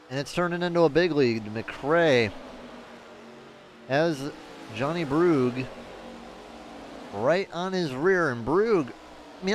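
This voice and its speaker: A man giving live race commentary in a chatty, excitable way that turns analytical. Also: medium pitch, slight background noise. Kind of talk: live sim racing commentary.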